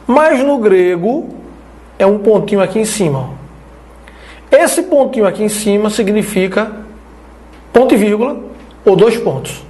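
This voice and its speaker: Brazilian guy doing an online greek lesson, slow, keeps saying né and ó. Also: high voice, animated, a little mellow. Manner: slow explanatory, checking in with "né?" and "ó". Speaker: teacher.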